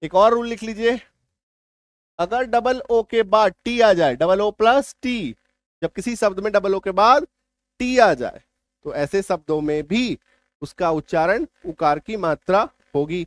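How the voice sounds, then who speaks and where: A man teaching spelling rules, repeating key points and asking his students whether it is clear. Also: high voice, a little slow, dry recording. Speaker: English teacher. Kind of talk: spoken spelling lesson.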